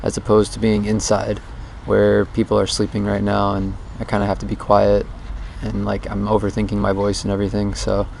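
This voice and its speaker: A man's voice: lowish voice, completely flat delivery, fairly quick, creaky, hardly any pauses, a little mellow, slight background noise. A young man speaking a rambling, reflective audio diary into a handheld voice recorder outdoors under a bridge. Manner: rambling and reflective, full of "like" and "you know". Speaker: self-recording audio diarist. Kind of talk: casual spoken audio diary.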